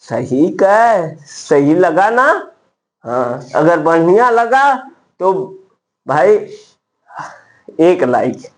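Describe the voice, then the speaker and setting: A man teaching a maths trick in a casual video lesson, repeating steps slowly and calling his viewers friends. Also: on the high side, sing-song. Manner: slow, repetitive counting, addresses viewers as friends.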